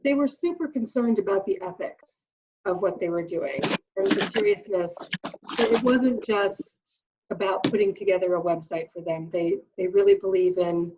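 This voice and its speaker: A woman on a video call informally describing a project as a panelist. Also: medium pitch. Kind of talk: informal explanation. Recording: distant, dull, faintly noisy call audio.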